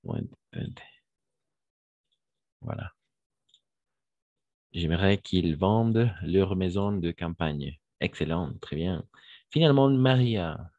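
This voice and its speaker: A man's voice: deep voice, animated, slow pace, pauses often, mellow, no room sound, dull audio. A man teaching a French grammar lesson online, patiently repeating verb forms and praising his students.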